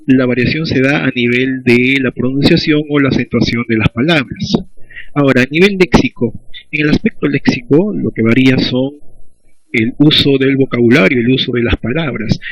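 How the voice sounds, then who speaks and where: A man's voice: medium pitch, moderate pace, slight background noise, low-quality recording. A man, teaching a recorded language lesson in a methodical way and often checking in with "¿sí?". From Peru.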